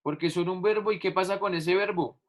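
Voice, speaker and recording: A man's voice: high voice, brisk. A male teacher explaining a lesson over a video call, patiently stretching out key words and repeating examples. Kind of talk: online class explanation.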